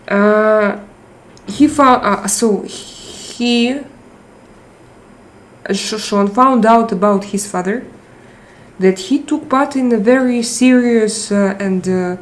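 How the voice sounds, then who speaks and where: Using a tablet mic, a middle-aged Russian-accented woman chats casually on a live stream. Her voice is mid-range, and she often halts and restarts while trying to find her words.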